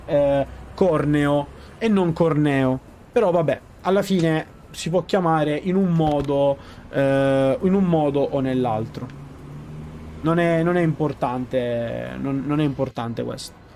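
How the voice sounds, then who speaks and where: A man's voice: a little high, warm tone, a little hiss or hum. A man giving let's play commentary on a video game, chatty and often correcting himself mid-sentence. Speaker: gaming video host.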